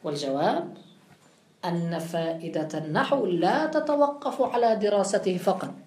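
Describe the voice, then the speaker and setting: A woman's voice: lowish voice, animated, moderate pace, darkish tone, reverberant. A woman giving a classroom lecture, explaining step by step and putting questions to her students before answering them. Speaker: teacher.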